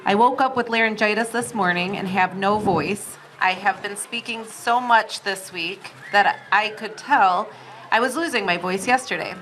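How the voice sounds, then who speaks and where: A woman's voice: medium pitch, a bit bright, rough recording. An American woman hosting an event, making informal announcements to an audience. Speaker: event host. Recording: live event, audible crowd and noise.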